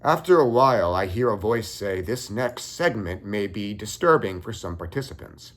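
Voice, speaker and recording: A young man calmly recounting a dream in a measured first-person story. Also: on the low side. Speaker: occult content creator.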